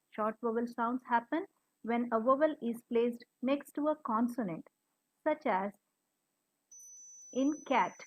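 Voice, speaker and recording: A woman teacher explaining short and long vowels, sounding out letters one by one. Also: a little high. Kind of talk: phonics lesson. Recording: slightly dull, lo-fi recording.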